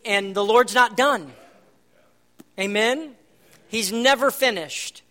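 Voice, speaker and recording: A pastor with a notably high voice leads the congregation in prayer, fervent and repetitive in his cadence. A long hall reverb trails behind his words. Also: bright, forceful tone.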